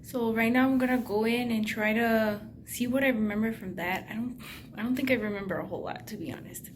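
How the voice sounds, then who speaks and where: A woman's voice: fairly high pitch, brisk, slight background noise. A woman dental hygiene student chatting casually to her viewers in a vlog, talking straight to the camera about her week. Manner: chatty, addresses viewers directly.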